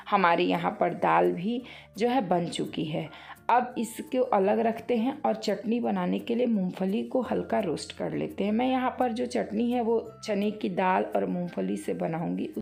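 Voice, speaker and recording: A woman's voice: mid-range voice, vocal fry, a little mellow. A woman, a cooking channel host, giving a homely, explanatory recipe tutorial voice-over and talking straight to her viewers.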